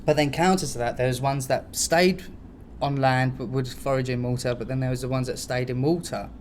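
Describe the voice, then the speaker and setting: A man with a mid-range voice and steady tone co-hosts a comedy podcast, talking fairly quickly. His casual comic chat is rambling, slangy and sweary. Background noise is clearly audible.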